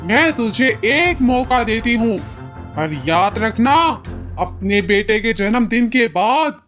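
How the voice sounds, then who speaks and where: Brief: woman as a bloodthirsty cartoon witch, slow and menacing, high lively voice. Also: faint music behind. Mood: grudging. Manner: threatening, taunting, drawn-out. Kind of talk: cartoon voice acting.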